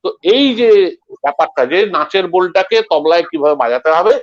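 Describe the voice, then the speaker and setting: A tabla guru, a man, explaining in a slow, halting way and reciting drum syllables in rhythm. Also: sits high, expressive. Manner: slow, halting, mixes English and Bengali, recites bols rhythmically. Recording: slightly dull lo-fi audio.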